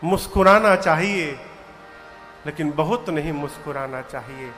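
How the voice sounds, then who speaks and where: A man's voice: fairly high pitch, a little slow, a bit bright. A man telling a devotional story as a sermon, in a folksy way with humorous asides and verses he chants. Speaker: religious storyteller. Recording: reverberant live hall with faint music.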